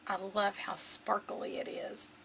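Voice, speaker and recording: A woman hosting a casual craft tutorial with a gravelly voice and a slightly sore throat, murmuring unhurriedly as she works. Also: measured pace, a bit bright, slight background noise, poor audio. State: slightly sore throat, clearing it now and then. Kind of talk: casual hands-on craft tutorial, talking while working.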